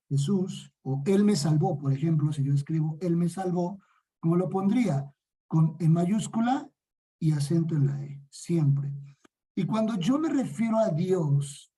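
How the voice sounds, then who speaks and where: A man's voice: sits high, mellow, breathy edge, low-quality recording. A man with a Mexican accent teaching a Bible lesson, often asking a question and then answering it himself. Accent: Mexican Spanish. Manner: asks and answers his own questions. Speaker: discipleship teacher.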